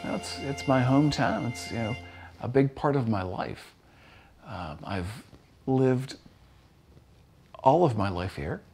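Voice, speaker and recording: A man's voice: mid-range voice, expressive, unhurried, long pauses, darkish tone. A man in his sixties from Pennsylvania, a barbershop owner speaking in a documentary interview, hesitant with many fillers and restarts. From Pennsylvania, USA. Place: small wood-panelled barbershop. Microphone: seated, medium camera framing. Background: music.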